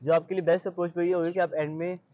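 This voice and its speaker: Speaking fast in a high, level, warm voice, a young university student with a Pakistani accent answers interview questions as a guest. He chats, explains, and gives advice, dropping English words in as he goes. The recording's highs are cut off.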